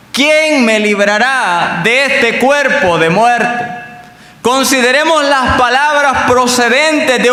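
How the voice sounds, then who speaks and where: A male pastor preaching a sermon in a measured, earnest manner in a church. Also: very high voice, pushed and bright. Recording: echoey church hall with long reverb.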